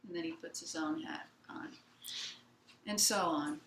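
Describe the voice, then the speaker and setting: Zen teacher lady, slow gentle dharma talk, roomy echoey hall. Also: low-pitched, slight background noise. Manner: gentle, unhurried, reads a picture book aloud. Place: meditation hall of a Zen center.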